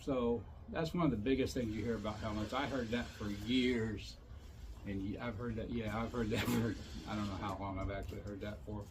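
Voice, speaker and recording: A man's voice: on the low side, steady tone, a little fast, noisy background. An older man hosting a casual explainer, talking in an informal, matter-of-fact way. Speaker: host of a motorcycle safety series.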